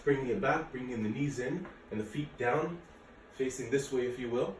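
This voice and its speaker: This is a relaxed on-camera workout lesson from a male fitness and martial arts instructor in his late thirties. His pitch is medium and his speed normal, and the audio has room echo, a far-off mic, and a faint hiss.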